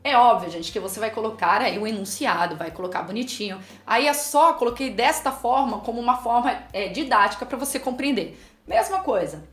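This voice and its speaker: A woman teaching teachers in a lively way, often acting out what a teacher or pupil might say. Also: on the high side, fairly quick. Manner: lively explaining, acts out teacher and pupil quotes. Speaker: teacher and educational psychologist. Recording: echoey room with faint music.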